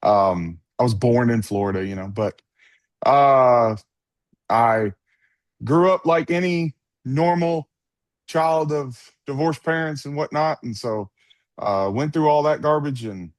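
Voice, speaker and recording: A man from North Alabama with a Southern US accent, a preacher talking as a guest in a deadpan, playful way. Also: mid-range voice, takes it slowly, dry recording. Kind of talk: casual interview talk.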